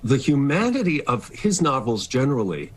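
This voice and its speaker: Husky and sing-song, his mid-range voice moves at a moderate pace. A middle-aged or older stage actor, he speaks earnestly and expressively in a laid-back, reflective interview conducted over remote video instead of in the studio.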